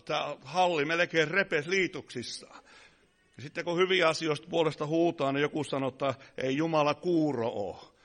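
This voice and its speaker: A male preacher with a high, bright, ringing voice delivers a fervent Pentecostal sermon. He swings from shouted declarations down to quiet, confiding asides. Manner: impassioned, often shouting, then dropping to quiet asides.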